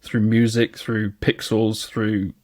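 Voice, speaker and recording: A man's voice: fairly low pitch, little pitch movement, slow pace, a little mellow, dry recording. British man, dry close podcast voice. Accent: British English. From Britain. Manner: enthusiastic, nostalgic, restarts often. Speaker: podcast co-host. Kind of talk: casual podcast chat.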